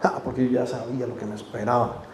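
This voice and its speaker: A man preaching a sermon in a church, speaking earnestly to the congregation and dropping to a hush for quoted lines. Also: mid-range voice, little pitch movement, fast talker, a little hiss or hum. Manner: earnest, addressing the congregation directly; dramatic drops to a hushed voice for quotes. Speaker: pastor. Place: church sanctuary. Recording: echoey church room.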